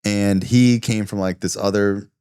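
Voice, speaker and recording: A man's voice: on the low side, steady tone, unhurried, warm tone, clear, resonant tone, no room sound, clean studio sound. A man from South Florida, a guest on a podcast, talking loosely in casual conversation with lots of fillers and asides. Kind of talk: casual interview talk.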